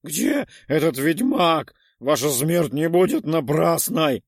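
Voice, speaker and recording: A man voicing a blind, servile knight of living mirror in an audiobook, booming and dutiful. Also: expressive, slow pace, no room sound, clean studio sound, exaggerated voice. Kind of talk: audiobook character voice.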